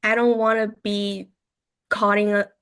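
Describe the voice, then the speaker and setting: A woman in her twenties from China, a guest telling her story in a casual interview, talking in halting phrases full of "like" and quoted thoughts. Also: mid-range voice, level tone, a bit bright, clean tone. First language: Mandarin. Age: 20s. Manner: frequent "like" and "I was like" quoting, halting phrasing.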